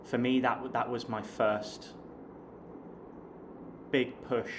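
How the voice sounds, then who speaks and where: A Hampshire-born online English teacher and vlogger in his late thirties talks to camera in a relaxed, chatty way, calling his audience "guys." His mid-range voice shows little pitch movement, he speaks slowly, and his accent is southern English. There is clear background noise.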